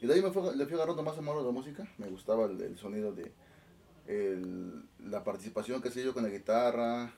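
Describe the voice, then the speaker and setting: A man in his twenties from Oaxaca with a Mexican Spanish accent, chatting relaxed and laughing in an interview about his music. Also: medium pitch, fast, distant mic. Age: 20s. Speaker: guest musician, band director. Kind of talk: casual interview chat.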